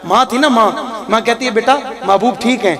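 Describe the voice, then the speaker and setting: A very high-voiced man with a Pakistani Urdu accent delivers a dramatic sermon, stretching his lines into drawn-out emotional cries. His voice rings through the wide reverberant space of a large mosque hall. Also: a crowd in the background. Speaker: preacher. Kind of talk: impassioned sermon storytelling. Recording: echoey mosque PA recording.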